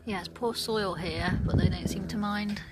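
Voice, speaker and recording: A woman chatting casually as she walks around her garden, relaxed and full of ums. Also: medium pitch, normal speed, heavy background noise. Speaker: gardening vlogger. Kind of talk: casual garden tour narration. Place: outdoors in a garden.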